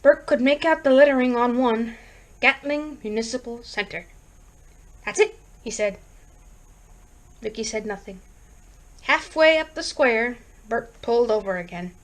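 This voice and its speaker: A woman reading a horror short story aloud in a steady, measured way. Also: fairly high pitch. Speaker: reader.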